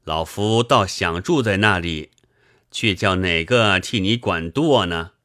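Guy doing a low old seaman voice, slow, teasing, kinda know-it-all. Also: bright, forceful tone, full character voice. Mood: wry. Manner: measured, lecturing old man. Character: elderly seasoned sailor, learned and teasing.

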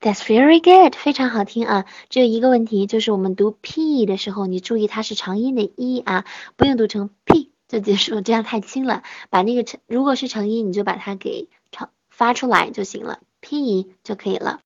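A woman teaching pronunciation in an online lesson, patient and encouraging, slowly modelling sounds for her students. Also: on the high side, a little mellow, dry recording, muffled recording.

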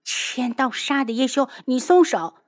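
A woman voicing a pretty, hot-tempered young man who shouts his insults in a high, agitated voice. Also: moderate pace, natural voice. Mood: furious.

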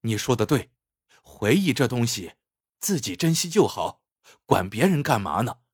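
A man's voice: medium pitch, sing-song, moderate pace, breathy edge, dry recording, studio quality. A man voicing an earnest, nostalgic man looking for an old friend, with an emotional delivery. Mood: resolved.

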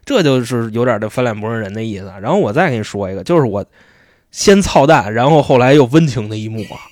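Fast-talking man. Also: medium pitch, lively intonation, darkish tone, no room sound, studio quality. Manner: chatty, slangy storytelling, often asks "you know?". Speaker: podcast host. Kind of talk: casual storytelling chat.

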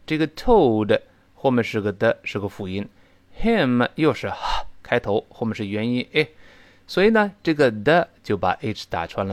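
A man teaching a spoken English lesson, explaining pronunciation and slowly repeating model phrases. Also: mid-range voice, no room sound. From China.

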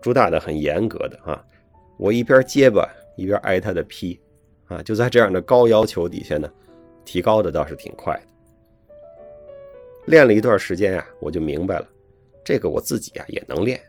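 A man's voice: low voice, lively intonation, normal speed, pauses often. A man giving friendly, folksy advice to young learners in a chatty, scripted talk. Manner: chatty, folksy, adds friendly tag questions. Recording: soft piano music behind the voice.

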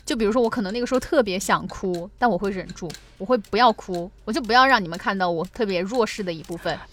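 A woman's voice: mid-range voice, fast, fairly bright tone. A woman co-hosting a podcast who talks in a reflective, confiding way during casual chat. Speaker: podcast co-host.

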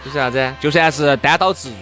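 A man's voice: a little high, quick pace, bright, forceful tone. A man with a Sichuanese accent co-hosting a radio talk show, bantering in a teasing, jokey and exclamatory way. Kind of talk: bantering casual chat. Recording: music bed behind the voice.

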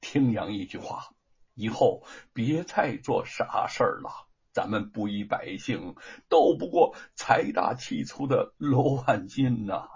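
A man voicing a worried, tender older mother in a spoken storybook, soft and chiding. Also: fairly low pitch, expressive, slow, creaky, slightly rough, lo-fi sound, pitched below the performer's own voice, exaggerated voice.

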